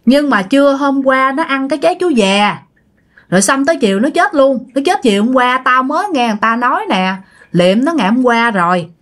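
A woman's voice: high voice, expressive, brisk, fairly bright tone, voice pushed up. A woman voicing a blunt, plain-spoken older grandmother. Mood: matter-of-fact.

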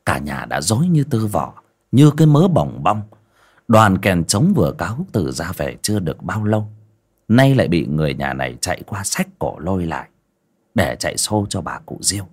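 A man narrating a dramatic audio story in an expressive reading style. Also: deep voice, normal speed, slightly rough.

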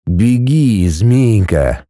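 A man's voice: on the low side, animated, very slow, mellow, dry recording, clean studio sound. A man voicing a blunt, possessive male dragon lord, speaking cool and curt. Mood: commanding.

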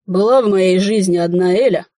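A woman voicing an easygoing, slyly teasing village man in an audiobook, talking in an unhurried, folksy way. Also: medium pitch, steady tone, a little mellow, dry recording, studio quality, natural voice. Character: easygoing village man, hired helper, sly.

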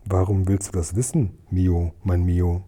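A man's voice: low voice, little pitch movement, a little slow, husky. A man reading a sad, tender king. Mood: sorrowful. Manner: soft, sorrowful, loving.

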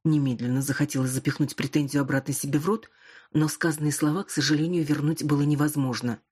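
A woman's voice: low-pitched, fairly even intonation, fast talker, a little mellow, breathy edge. A woman reading a first-person fantasy novel aloud with dry, wry asides. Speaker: audiobook narrator.

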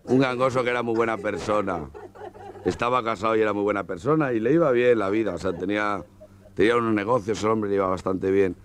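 A man's voice: lowish voice, fast, background noise. A man from Spain telling jokes as a comedian in a chatty, laughing storytelling manner. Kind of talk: joke telling, stand-up.

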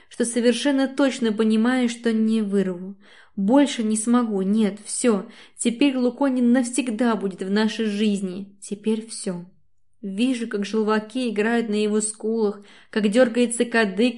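A woman's voice: on the high side, a little mellow. A woman reading a first-person novel aloud in an intimate, emotional way. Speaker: audiobook reader. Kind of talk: first-person audiobook narration.

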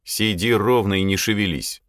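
A man voicing a stern, commanding older man who speaks slowly and with calm menace. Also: lowish voice, no room sound, studio quality, lightly acted. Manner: slow, measured, commanding.

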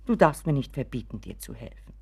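A woman's voice: a bass voice, sing-song, fairly quick, creaky, warm tone, slightly rough, heavily acted. An actress playing an anxious, doting mother of a grown son in a radio play, pleading and fretful, often sinking to a whisper.

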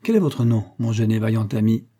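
A man's voice: on the low side, lively intonation, brisk, warm tone. A man voicing a grateful, commanding army major in a storybook reading, speaking formally and courteously.

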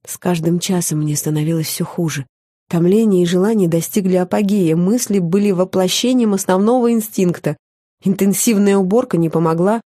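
A woman reading a first-person audiobook on a close studio mic, intimate and expressive, often softening to a hush. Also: on the low side, fairly quick, dry recording. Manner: intimate and expressive, dropping to a soft hush in tender moments. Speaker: audiobook narrator.

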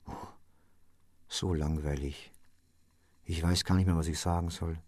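A man's voice: low-pitched, steady tone, no echo. A man reading as a despairing young poet. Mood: weary. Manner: broken, halting speech sinking to a hush. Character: tormented young male poet, despairing and restless. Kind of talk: dramatic reading for radio.

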